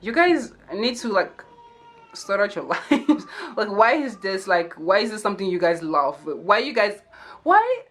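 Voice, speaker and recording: A woman's voice: mid-range voice, animated, a little slow, fairly bright tone. A young woman telling a true crime story to camera in a casual, chatty way, full of "like" fillers and slangy asides. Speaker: true crime and makeup YouTuber.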